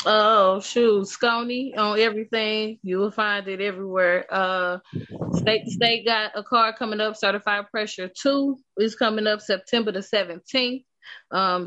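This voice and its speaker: A woman's voice: mid-range voice, a bit bright. A woman speaking casually in slang as a podcast guest, on dull lo-fi audio. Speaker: podcast guest, battle event host. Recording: dull lo-fi sound.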